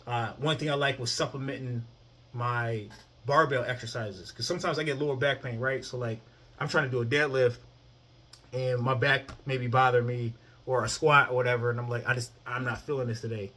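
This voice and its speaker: A fitness vlogger in his thirties talks casually to the camera about his own workout routine, often asking "you know what I mean?" His medium-pitched voice is steady, bright, and forceful, moving a little fast.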